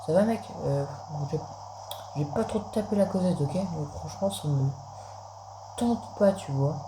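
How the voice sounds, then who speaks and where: A man's voice: a little high, moderate pace. A man giving casual gameplay commentary, chatting straight to his viewers as a gaming video creator. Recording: roomy echo, faint background noise.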